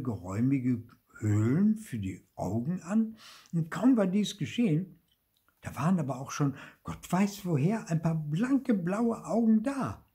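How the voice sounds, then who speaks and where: An older man reads a children's story aloud at an unhurried pace. His mellow voice rises and falls with lively expression, making each scene vivid. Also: medium pitch.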